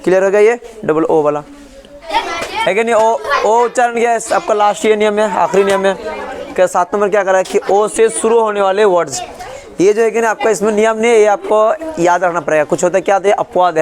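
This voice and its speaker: A man's voice: sits high, brisk, a crowd in the background. A male English teacher in a classroom, spelling words letter by letter and quizzing his class with repeated questions. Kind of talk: classroom lesson.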